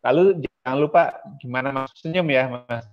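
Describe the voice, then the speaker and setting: A male trainer talking casually on a video call in a relaxed, chatty, self-deprecating way. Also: mid-range voice, moderate pace. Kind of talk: casual webinar talk. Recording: slightly dull lo-fi sound.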